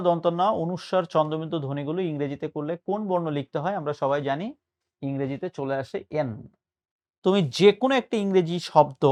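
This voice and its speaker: A male tutor giving a patient spoken lesson, explaining and mixing in English words. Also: on the high side. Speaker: admission test tutor.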